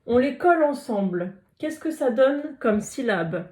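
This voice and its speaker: A woman teacher leads a phonics lesson for young children, stretching out each letter and syllable so they can be heard clearly. Her voice sits a little high, and she speaks slowly, pausing to praise and encourage the listeners. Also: expressive, darkish tone. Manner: slow, careful, drawn-out sounding of letters and syllables.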